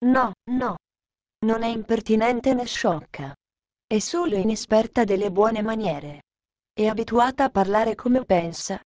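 A woman voicing an eager, pushy aunt who talks in a hurried, placating way, read close to her own voice. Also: fairly high pitch, darkish tone, dry recording, close to an everyday voice. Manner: hurried, smoothing things over.

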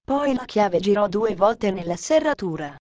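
A woman reading a children's classic aloud in measured storybook narration. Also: mid-range voice, lively intonation, dull audio, crowd noise. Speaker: audiobook narrator.

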